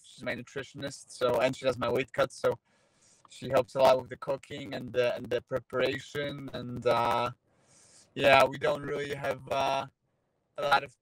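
A fighter from Poland, a Polish native speaker in his thirties, gives a laid-back video-call interview from his parked car using a phone held out at arm's length. His voice is medium-pitched and peppered with fillers and false starts. There's no room sound, but the audio quality is poor.

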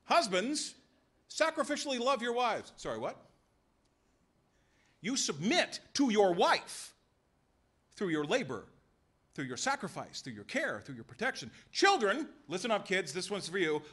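A man preaching in a church sanctuary, pressing his points with rhetorical questions and quick voiced asides. His voice is bright and sits fairly high, and it swings widely in pitch as he moves from hushed lines to ringing ones. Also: very animated, husky. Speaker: pastor. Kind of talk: sermon.

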